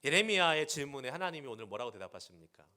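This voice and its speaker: Male pastor, sermon, bright tone, very lively intonation, dramatic quoted speech. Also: medium pitch, quick pace. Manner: dynamic preaching, voicing God's words in dramatic quotes.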